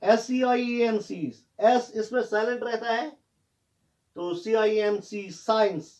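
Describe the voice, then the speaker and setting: A man's voice: extremely high pitch, steady tone, slow, a little mellow. A man teaching pronunciation in Hindi, spelling words out letter by letter and correcting common mistakes. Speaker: English teacher. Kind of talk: classroom lesson on pronunciation.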